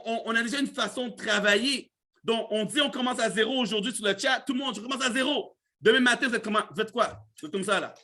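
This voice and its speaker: A man's voice: high voice, sharp tone. A man tinged gives a casual motivational talk to a live chat, animatedly repeating himself and dropping in words. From Canada. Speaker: host of a live online business training.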